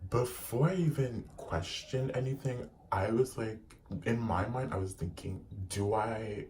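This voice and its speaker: A young man tells a story from his own life in a vlog. His voice sits very deep, and his delivery is animated and profane, thick with "like" and "you know.". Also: slight background noise. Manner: animated and profane, heavy use of "like". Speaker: vlogger.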